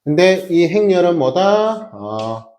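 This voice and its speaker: A man's voice: high-pitched, big pitch swings, slow pace, a little mellow. A man teaching a math class, explaining step by step with emphatic rhetorical questions to his students. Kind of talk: classroom lecture.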